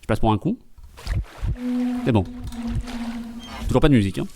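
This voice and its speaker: A man's voice: medium pitch, lively intonation, moderate pace, vocal fry, noisy background. A man streaming live and doing comedic translation commentary, full of joking, rambling asides.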